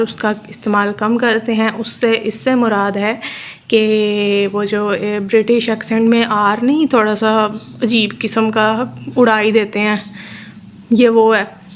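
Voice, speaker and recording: A woman from Pakistan with a Pakistani accent, giving a steady, explanatory lecture and repeating her points. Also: fairly high pitch. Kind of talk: explaining a lesson in Urdu mixed with English terms.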